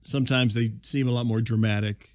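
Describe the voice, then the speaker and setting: A man's voice: medium pitch, steady tone, brisk, a little mellow, no room sound, studio quality. A man hosting a scripted comedy podcast, narrating and talking in a mild, apologetic, conciliatory way. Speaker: podcast host.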